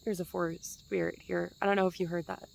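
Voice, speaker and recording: A woman's voice: lowish voice, little pitch movement, fast talker, vocal fry, rough recording. A woman in her twenties giving a casual spiritual teaching outdoors in a forest, chatty and meandering, with fillers and light laughs.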